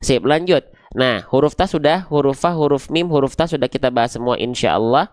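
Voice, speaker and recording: A man teaching Quran recitation, patiently repeating and drilling syllables slowly. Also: medium pitch, a little mellow, no echo, clean studio sound. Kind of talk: online pronunciation lesson.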